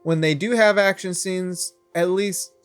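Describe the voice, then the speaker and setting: A man's voice: sits high, fairly even intonation, a little slow, clear, resonant tone, soft background music. A man hosting an anime review channel, talking casually and stumbling over his words when he is unsure.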